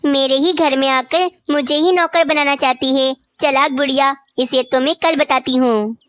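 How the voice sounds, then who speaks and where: A woman voicing a lazy, bossy young female crow wife in a cartoon, sharp-tongued and scornful. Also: sits high, steady tone, normal speed, dry recording. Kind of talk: cartoon voice acting.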